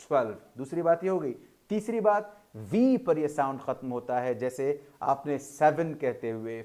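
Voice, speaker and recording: A man teaching English pronunciation in a video lesson, explaining in a formal tone with Urdu-flavoured words and slowly drawing out each example word. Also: a little high, a little mellow. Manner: slow, drawn-out model pronunciations between explanations.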